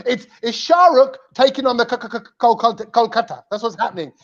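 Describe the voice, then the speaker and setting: A man with a strikingly high voice hosts a live cricket fan stream, talking briskly with playful, teasing energy. The audio is dull and lo-fi.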